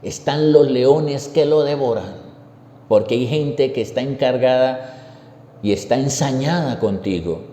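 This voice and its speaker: A man preaching a sermon, telling the story slowly and emphatically with repeated phrases. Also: medium pitch, dark tone, roomy sound, in a large hall.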